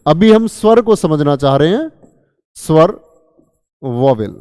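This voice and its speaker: A man's voice: on the high side, big pitch swings, measured pace, a little mellow, no echo, clean studio sound, long reverb tail. A male teacher giving an exam-prep grammar lesson, asking his students questions and then answering them himself. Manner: calls listeners children. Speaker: Hindi teacher.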